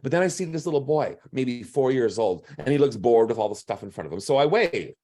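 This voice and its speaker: Brief: gruff male drag performer reading a comic personal story, wry timing, middle pitch. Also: big pitch swings, fairly quick, dark tone. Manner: wry, punchline-driven delivery.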